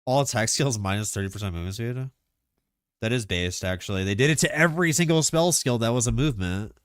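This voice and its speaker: A man streaming live, chatting casually and excitably about game mechanics, rambling with lots of filler words. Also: medium pitch, fast talker, dry recording, clean studio sound.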